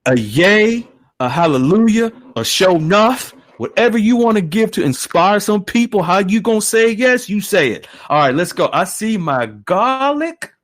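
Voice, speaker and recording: A man hosting an online group call, animated and exclaiming often. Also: high voice, normal speed. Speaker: host.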